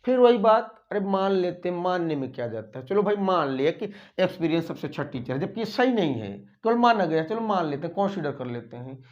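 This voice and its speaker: A man's voice: high-pitched, very animated, muffled recording. A man teaching an exam-prep grammar lesson, asking the class questions, repeating his points and dictating English words letter by letter. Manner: explains slowly, dictating English words and spelling them out letter by letter.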